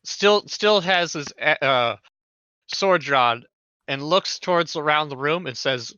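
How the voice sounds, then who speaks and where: A man's voice: fairly high pitch, expressive, takes it slowly, bright, forceful tone, clean tone, no room sound. A man narrating as game master in a rambling way, with many fillers, in a dull lo-fi recording. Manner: rambling, full of fillers and restarts.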